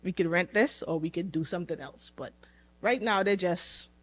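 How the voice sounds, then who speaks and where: A young woman from the Bahamas, talking casually as a podcast guest, relaxed and chatty, laughing easily and repeating words as she goes. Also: lowish voice, normal speed, breathy edge. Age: young adult. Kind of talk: casual interview chat.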